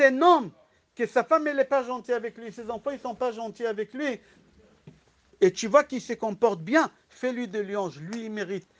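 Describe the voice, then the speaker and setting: A rabbi teaching a class, his voice sitting high for a man and carrying a slight lisp. He tells his lesson as lively stories, throws rhetorical questions at the room and slips into the voices of the people he quotes.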